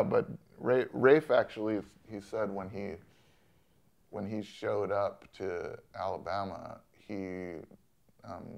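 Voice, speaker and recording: A man in his forties, a film director, speaking thoughtfully in an interview with many pauses and restarts. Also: low voice, vocal fry. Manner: soft-spoken, thoughtful, with many ums and restarts. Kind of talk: interview conversation. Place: studio in Los Angeles.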